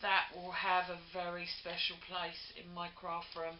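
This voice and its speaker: A woman unboxing a gift on a craft vlog, gushing and effusive, with lots of breathy "oh"s. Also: lowish voice, completely flat delivery, normal speed, a little hiss or hum. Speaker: crafting vlogger. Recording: lo-fi home video, roomy.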